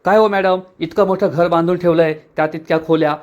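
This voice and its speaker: A man voicing a brash, impatient young servant woman who complains in a whiny, hurried way. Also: high voice, muffled recording, close to an everyday voice. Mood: irritated nagging.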